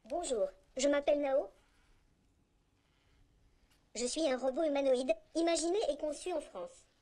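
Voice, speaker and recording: A small, polite humanoid robot speaking in a synthetic woman's voice with a high, chirpy tone. It rattles through a scripted self-introduction in an even, mechanical manner. The sound is clearly a machine voice coming from the robot's own speaker on a conference stage. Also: measured pace. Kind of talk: scripted text-to-speech demo.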